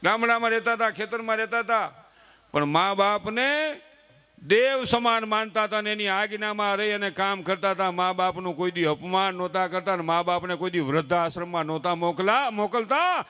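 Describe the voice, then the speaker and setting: A man's voice: high-pitched, normal speed, pushed and bright, clear, resonant tone. A middle-aged man, giving a chatty folksy comedy monologue on a live stage and talking straight to the audience. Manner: chatty, addresses the audience directly, acts out quoted family members.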